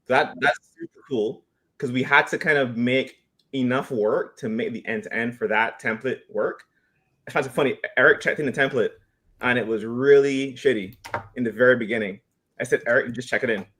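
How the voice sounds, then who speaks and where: A man on a software team chatting loosely and joking on a live video call Q&A. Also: medium pitch, moderate pace. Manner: loose, joking, many restarts. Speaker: engineering team member. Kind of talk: casual live Q&A chat.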